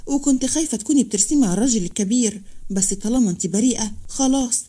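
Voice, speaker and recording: A woman's voice: on the high side, racing, mellow, slightly rough. Woman voicing a coaxing older Egyptian housekeeper. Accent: Egyptian Arabic.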